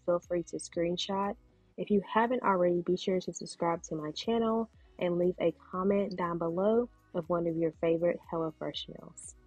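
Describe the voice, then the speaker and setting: A woman narrating her cooking video in voice-over, calmly explaining each step. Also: fairly low pitch, breathy edge, no echo, lo-fi sound. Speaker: cooking vlogger.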